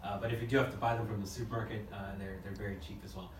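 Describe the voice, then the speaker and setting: A man's voice: fairly low pitch, fairly even intonation, racing, slight background noise. A man from New Jersey working as a recruiter, talking in an easygoing casual panel chat, with many uhs. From New Jersey, United States. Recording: echoey room, mic at a distance.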